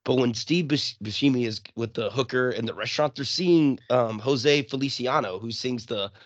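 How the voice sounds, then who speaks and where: A man's voice: medium pitch, moderate pace, no room sound, muffled recording. Sick man, swearing and laughing. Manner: swears a lot, laughs while acting out scenes. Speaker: podcast co-host. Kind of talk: casual movie discussion podcast.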